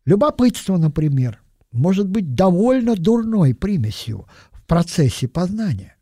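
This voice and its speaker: A man's voice: high-pitched, big pitch swings, unhurried, dark tone, no room sound, studio quality. An older man giving a thoughtful, digressive sermon and dwelling on single words. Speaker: preacher. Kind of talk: reflective sermon.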